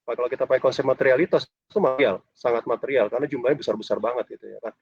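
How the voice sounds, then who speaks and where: Lecturing a university class through a choppy, dull-sounding video call, a man talks very fast in a medium-pitched voice with a breathy edge. His casual online lecture is chatty, with many phrases trailing off in a questioning "ya".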